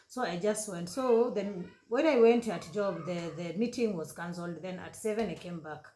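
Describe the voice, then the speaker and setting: Kenyan woman telling a story, halting. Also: on the low side, dark tone, a little hiss or hum. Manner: halting, repeats and corrects herself, switches into Swahili. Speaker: vlogger. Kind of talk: emotional personal storytelling. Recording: roomy echoey room.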